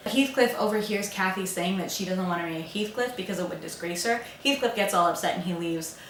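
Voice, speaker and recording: A woman's voice: lowish voice, fairly quick, a bit bright, a little hiss or hum. A young woman giving an irreverent, profane comedic book summary in a sarcastic tone. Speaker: YouTuber. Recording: roomy, from a distance.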